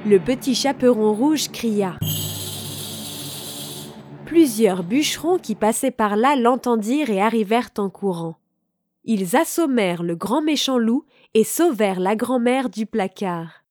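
Calm woman reading a storybook. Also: on the high side, a little slow, faint music behind.

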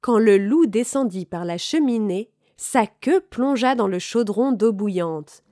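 A woman reading a children's fairy tale aloud in a calm, clear, measured way. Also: mid-range voice, no room sound. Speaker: storyteller.

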